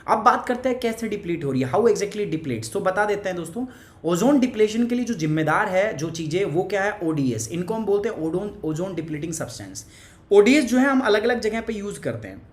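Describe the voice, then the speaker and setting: Talking a little fast with a high, expressive voice, a male teacher hosts a chatty live online class and pokes fun at viewers by name. He's got a cough, and the space is echoey.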